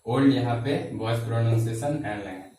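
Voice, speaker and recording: A man teaches a classroom lesson, spelling out sentences word by word before rushing through his explanations. His voice sits at a middle pitch and comes from some distance off. It rings in a heavily echoing room. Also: background noise. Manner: slow dictation of sentences, quick explaining. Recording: echoey room, voice from far off.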